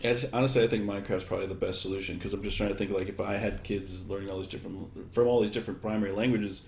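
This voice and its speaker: An education technology expert, a man with a rather low, steady, creaky and slightly mellow voice, speaks conversationally as an interview guest. He answers haltingly, thinking aloud through loose chains of examples. The room is echoey, with some background noise.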